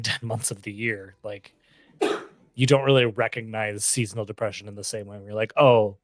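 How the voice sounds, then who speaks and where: A man's voice: medium pitch, no echo. A man from California, chatting casually and reflectively with many fillers. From West Coast, California. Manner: reflective, filler-heavy, drawn-out phrasing. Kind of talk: casual chat.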